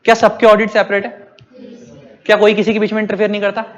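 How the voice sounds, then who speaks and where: A man's voice: sits high, monotone, fast, fairly bright tone, big-room sound. A man teaching a class. He asks his students questions and then answers them himself. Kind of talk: classroom lecture.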